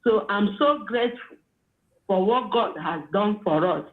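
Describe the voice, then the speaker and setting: Sex: woman. Role: caller. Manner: slow, earnest, prayerful. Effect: clipped phone line. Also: medium pitch, lively intonation. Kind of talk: call-in on a live online show. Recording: echoey, tinny phone call.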